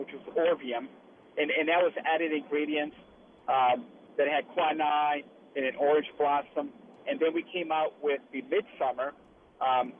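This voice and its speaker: A man chatting casually as a radio guest, calling in from inside a truck cab as it travels. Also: a little high. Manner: speaking from inside a truck cab while riding. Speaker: guest, liquor brand representative. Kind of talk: casual radio interview by phone. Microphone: phone call. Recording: tinny phone line with clear noise. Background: truck cab noise.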